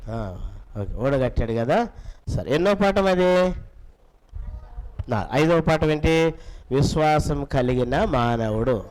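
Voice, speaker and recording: A man teaching a children's Bible class, quizzing the children and urging them to answer loudly. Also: medium pitch, low-quality recording. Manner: coaxing, repeats questions, urges children to answer loudly.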